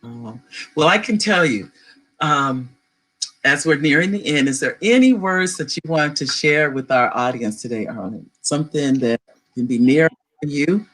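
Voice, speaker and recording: Woman talk-show host, effusive and gracious, signing off with warm thanks. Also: low voice, lively intonation, moderate pace.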